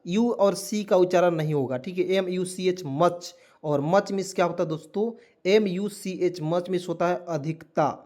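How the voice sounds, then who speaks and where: A man's voice: high-pitched, normal speed, hardly any pauses, darkish tone. A man teaching a spoken lesson, spelling words letter by letter and asking viewers questions again and again. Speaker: English teacher.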